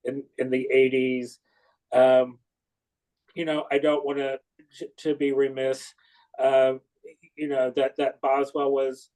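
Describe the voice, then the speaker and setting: A man in his sixties interviewing, who speaks haltingly with many fillers and restarts. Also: medium pitch, dark tone, poor audio. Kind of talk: conversational interview.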